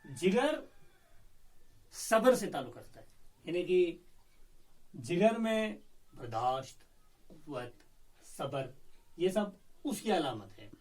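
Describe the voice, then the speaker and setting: A man teaching Urdu, explaining a poem line by line, slow and careful, repeating words to show how they are said and often clearing his throat. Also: fairly high pitch, sing-song, a little mellow, distant mic, rough recording.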